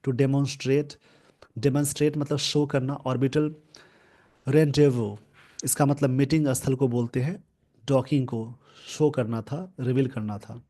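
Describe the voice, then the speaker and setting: A man teaching English grammar from a newspaper, explaining slowly and repeating key words. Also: mid-range voice, fairly even intonation, dark tone. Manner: slow, repetitive explaining, mixing English terms into Hindi.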